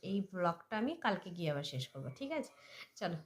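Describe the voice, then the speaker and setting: A woman's voice: lowish voice, sing-song, fairly quick. A woman, a mother chatting casually to viewers in a home vlog and often checking in with them. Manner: chatty, addresses viewers with frequent check-ins. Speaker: family vlogger and mother.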